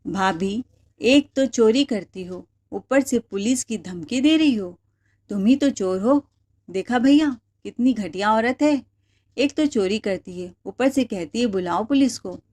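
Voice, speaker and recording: A woman's voice: fairly high pitch, expressive, unhurried, a little mellow. Woman doing a sneery scheming sister-in-law, goading, storybook. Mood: sneering.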